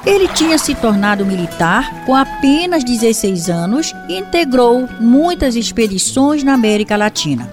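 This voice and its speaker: A woman as a high-voiced Brazilian storytelling granny. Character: Grandma Vera, kindly storytelling granny for children. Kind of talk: fireside storytelling, scripted children's history tale. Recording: music bed behind the voice.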